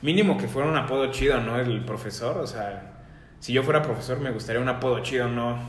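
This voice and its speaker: A young Mexican man, a student, chatting on a podcast in a relaxed, slangy way. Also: medium pitch, quick pace. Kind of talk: casual podcast chat. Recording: echoey room, faint background noise.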